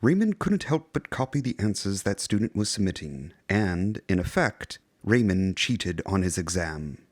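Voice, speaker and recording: A man playing a genteel horror anthology host, narrating scripted tales in a measured, theatrical, vintage style. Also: low voice, big pitch swings, dry recording, clean studio sound. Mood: storytelling.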